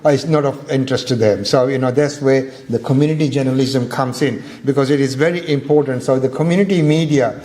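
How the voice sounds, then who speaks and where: Man, event MC, mid-pitched voice, halting delivery with repeated words, informal public address. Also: dark tone. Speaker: event MC introducing speakers.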